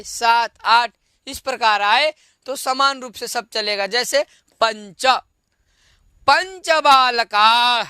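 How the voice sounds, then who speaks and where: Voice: sits high, sharp tone, dry recording. A teacher giving an online class, patiently drilling each form aloud, repeating it and quizzing the pupils. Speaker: Sanskrit teacher.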